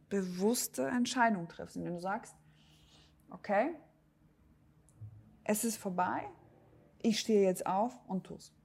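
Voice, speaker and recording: Her lowish voice is creaky, husky and darkish in tone. As host of a self-help podcast, she offers motivational coaching directly to the listener, pausing and hesitating frequently.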